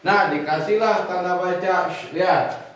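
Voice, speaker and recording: A man teaching children to read Quranic script, speaking, slow and questioning as he drills the class. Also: sits high. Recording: echoey room, mic far off, faint noise.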